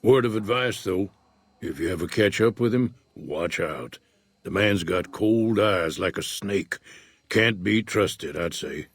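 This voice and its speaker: An actor voicing a retired old male prospector in a video game, speaking in an unhurried folksy drawl. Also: low voice, lively intonation, no echo, exaggerated voice. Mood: easygoing. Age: older. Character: weathered old male prospector, laid-back and wary. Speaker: retired prospector in a frontier town.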